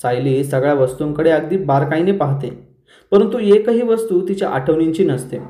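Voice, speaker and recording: A man hosting a serial review, retelling the episode scene by scene in a brisk storytelling manner. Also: on the high side, warm tone. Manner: brisk storyteller who briefly lifts his voice for quoted lines. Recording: roomy echo.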